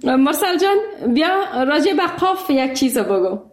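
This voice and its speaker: Upbeat lady hosting a call-in show, high voice, laughs a lot, roomy echo. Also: sing-song. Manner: cheerful, laughs often. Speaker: radio host. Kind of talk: call-in radio chat.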